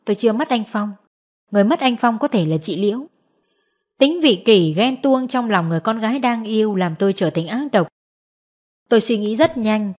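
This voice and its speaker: A woman narrating a first-person audiobook story in an expressive storytelling manner. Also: medium pitch, normal speed.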